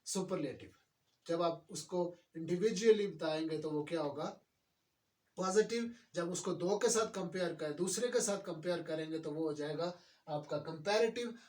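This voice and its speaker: A man teaching a grammar lesson, explaining slowly and repeating words. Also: sits high, a little mellow, recorded from a distance.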